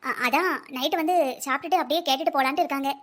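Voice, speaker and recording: A woman voicing a fussy older wife, high and quick. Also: a bit bright. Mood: pleading. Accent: South Tamil Nadu. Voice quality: pleading, busy, bossy. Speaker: voice actor in a family cartoon. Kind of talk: cartoon family comedy acting.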